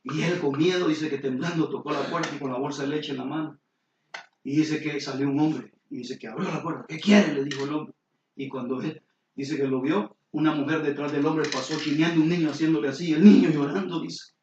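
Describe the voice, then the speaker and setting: A middle-aged man, preaching a sermon as pastor with lively storytelling and questions to the congregation. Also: on the high side, a little fast, a little hiss or hum. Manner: animated storytelling, sudden exclamations, rhetorical questions to the congregation. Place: church sanctuary. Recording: roomy hall, distant mic, dull and lo-fi.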